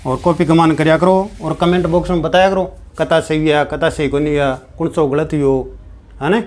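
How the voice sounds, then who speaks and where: A man's voice: a little high, level tone, normal speed. A man teaching a grammar lesson, repeating each step and answering his own questions. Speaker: Sanskrit teacher.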